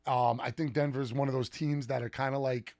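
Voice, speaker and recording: Young new dude rambling about hoops, swears a lot, pokes fun, dry sound. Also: male voice, mid-range voice, little pitch movement, fairly quick, darkish tone, no room sound. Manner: rambling, crude, teasing. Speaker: podcast co-host. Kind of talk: casual sports chat.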